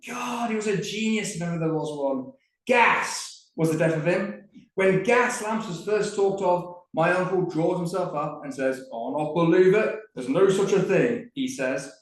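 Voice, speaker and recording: A man's voice: high-pitched, voice pushed up, lightly acted. A man reading aloud as a boastful old Cockney lamplighter, telling a story in a chatty, relishing way in an echoey room. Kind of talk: dramatic reading. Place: museum event room.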